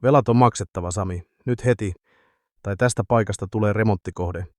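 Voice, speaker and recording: A man voicing a hulking, raspy male debt-collector thug who threatens. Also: on the low side, a little mellow, no room sound, clean studio sound, close to an everyday voice. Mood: menacing. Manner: threatening, gruff.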